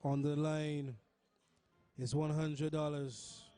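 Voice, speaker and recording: Bajan guy calling a futsal game, high voice, takes his time, yells on the big chances. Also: takes it slowly, dry recording. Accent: Barbadian. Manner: chatty, breaks into excited shouts at chances. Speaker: match commentator. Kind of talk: live futsal commentary.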